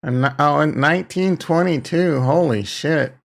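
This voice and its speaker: Gravelly man livestreaming with a morning voice. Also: on the high side, measured pace. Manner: rambling, self-deprecating, slangy, says brother. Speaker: livestream host. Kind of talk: casual chat to livestream viewers.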